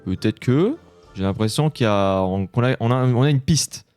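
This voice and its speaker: A man giving loud, jumpy commentary while playing a horror Minecraft mod, yelping when startled and swearing at the monsters. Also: medium pitch, lively intonation, normal speed, clean tone, no room sound, faint music behind. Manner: talks to the game monsters. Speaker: gaming YouTuber. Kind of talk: live Minecraft let's-play commentary.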